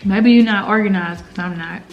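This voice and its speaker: A woman's voice: mid-range voice, normal speed, soft background music. The recording is slightly muffled and lo-fi. An American woman chats casually as a mukbang host, giving earnest advice in slangy, informal speech. She talks as if to close girlfriends while eating. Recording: slightly dull, lo-fi sound.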